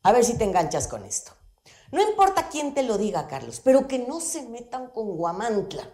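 Lively woman psychologist. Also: a little high, normal speed. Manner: animated, laughs often, playful examples. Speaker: psychology guest on radio show. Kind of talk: conversational radio talk. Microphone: studio microphone.

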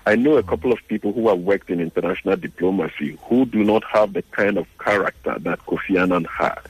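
Ghanaian-accented male journalist for radio interview; deep, husky, earnest and measured. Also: dry recording, poor audio. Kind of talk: radio interview, reflective commentary.

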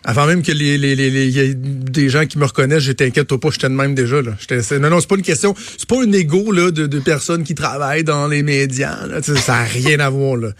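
A man in his late thirties with a Québécois French accent co-hosts a radio show, chatting in a casual, colloquial way. His mid-range voice moves a little fast with hardly any pauses, and the recording has no echo.

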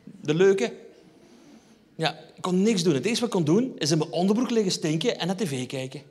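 A man's voice: high-pitched, lively intonation, a little fast, darkish tone, slightly rough. A man with a Flemish accent performing a stand-up routine on stage. He tells a wry story and talks straight to the audience. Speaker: stand-up comedian. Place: theatre hall on stage. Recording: reverberant live hall.

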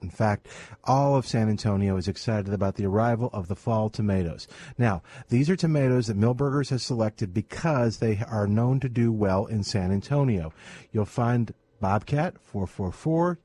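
A man's voice: on the low side, moderate pace, dark tone, no echo. A male radio host giving an enthusiastic, conversational advertising read.

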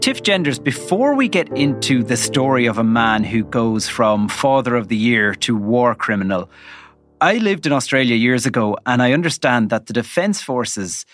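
A man's voice: medium pitch, sing-song, moderate pace, a bit bright, soft background music. A man with an Irish accent hosting a podcast in the manner of a true crime narrator. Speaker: podcast host.

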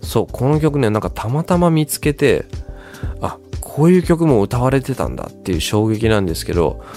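A man hosts a casual music radio show, enthusing about songs with plenty of fillers and pauses. His voice is mid-range, sing-song, and warm.

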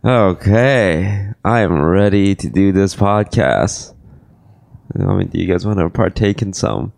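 Slow, gravelly hungover man hosting. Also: low voice, animated, a little mellow, no echo, clean studio sound. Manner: laid-back, halting with fillers. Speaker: podcast host. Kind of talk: live podcast chat. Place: at a gaming convention.

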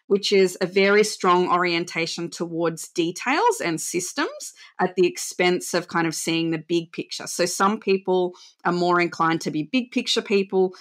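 A woman researcher explaining her field in a precise, academic manner during an interview. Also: fairly low pitch. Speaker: researcher, expert. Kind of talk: expert interview.

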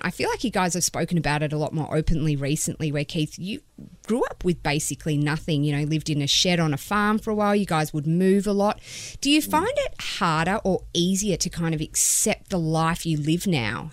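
A woman's voice: low voice, dry recording. A woman asks long, rambling questions in a casual interview. She talks in a chatty way, full of "like" and "you know". The sound is dry and close. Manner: chatty, animated questions with fillers. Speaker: interview host.

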